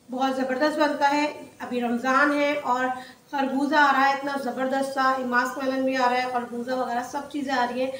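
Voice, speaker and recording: A woman with a high-sitting voice hosts a cooking channel from her home kitchen, chatting her way through a home recipe one step at a time. It's a casual recipe voice-over recorded in an echoey room.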